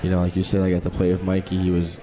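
A young man gives casual interview answers as a guest athlete. He speaks quickly in a low, even voice, peppering everything with "you know". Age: young adult. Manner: frequent "you know" filler. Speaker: hockey player guest.

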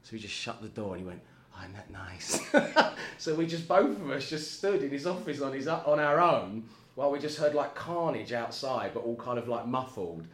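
A man's voice: medium pitch, expressive, brisk, few pauses. A man in casual chat as a guest, rambling and self-deprecating, often laughing at himself. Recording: echoey room with faint ambience.

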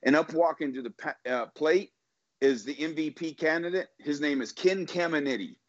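A middle-aged man, a former baseball pitcher, telling a story as a podcast guest with emphatic, motivational delivery and repeated words when excited. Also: moderate pace, no room sound. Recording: dull lo-fi sound, dry.

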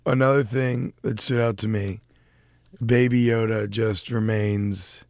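Gravelly man rambling about a show. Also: lowish voice, steady tone, a little slow, darkish tone, no echo, studio quality. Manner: rambling, self-deprecating, many restarts. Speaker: podcast co-host. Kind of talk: casual chat about a TV show.

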